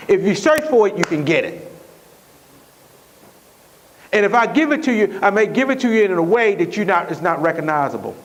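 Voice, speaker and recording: A male pastor preaching a sermon in a conversational, repetitive way, often restarting his sentences. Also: high voice.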